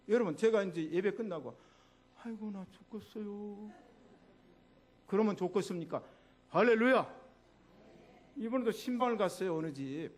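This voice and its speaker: High-voiced older pastor preaching animatedly. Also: male voice. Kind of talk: sermon. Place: church.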